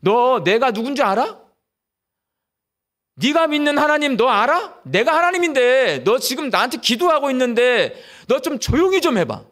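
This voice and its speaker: A man's voice: very high voice, very animated, moderate pace, fairly bright tone, full character voice. A man voicing God as an exasperated, insistent figure who speaks bluntly and informally within a sermon.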